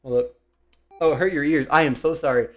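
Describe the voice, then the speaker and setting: A young man chatting on a live stream from his computer desk, rambling and thinking aloud, speaking louder than his usual soft voice to project. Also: a little high, a little fast, loud music behind the voice. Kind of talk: casual live-stream chat.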